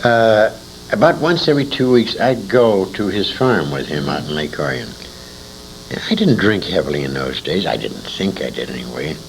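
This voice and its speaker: An older American man with a low, sing-song voice and vocal fry speaks at normal speed, reminiscing as an interviewee. He tells anecdotes in a rambling, emphatic way with asides to his listener, on a noisy amateur recording from a 1980s convention.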